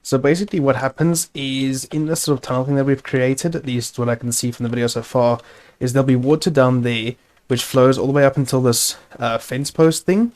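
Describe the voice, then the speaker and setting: A man's voice: medium pitch, darkish tone. A man hosting a gaming video, giving casual gameplay commentary, chatty and self-narrating with wry asides.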